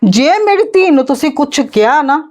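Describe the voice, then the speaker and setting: A woman's voice: sits high, sing-song, moderate pace, a little mellow. A woman with a Punjabi accent playing a stern middle-aged aunt who scolds and threatens her niece's in-laws in a family drama. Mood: threatening. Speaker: bride's maternal aunt confronting in-laws. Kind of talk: amateur family drama acting.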